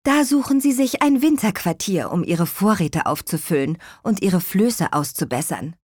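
A woman voicing a calm, kind witch in a children's audio story, speaking reassuringly. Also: on the low side, moderate pace, slightly rough, dry recording, clean studio sound. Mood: explaining.

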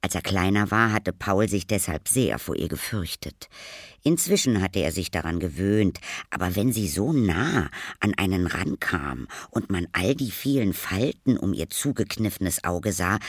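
A man reading a children's story aloud, slow and lively, whispering for suspense. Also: low-pitched, breathy edge, dry recording, studio quality. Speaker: narrator.

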